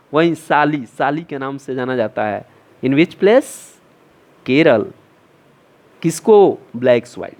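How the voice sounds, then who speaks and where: Middle-aged male teacher, fairly high voice, lecture delivery that quizzes and answers itself. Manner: asks and answers his own questions, mixing in English terms. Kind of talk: classroom lecture.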